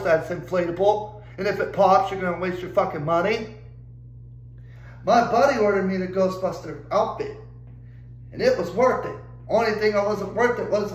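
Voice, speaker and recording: A man's voice: high-pitched, echoey room, rough recording. A young adult man ranting angrily and profanely to camera, exasperated and swearing constantly. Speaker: vlogger. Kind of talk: angry rant to camera.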